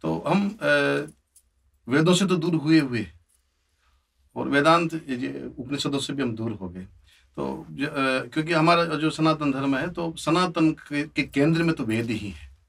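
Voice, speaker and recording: A man's voice: fairly high pitch, expressive, unhurried, creaky, breathy edge, recorded from a distance. A man at a religious gathering speaking hesitantly with many fillers. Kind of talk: discussion talk.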